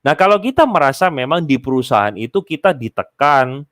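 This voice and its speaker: A man's voice: medium pitch, big pitch swings, brisk, fairly bright tone, no room sound. Man, casual advice talk, explanatory, dry close sound. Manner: explanatory, addresses listeners as Bapak Ibu. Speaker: speaker answering a host's question.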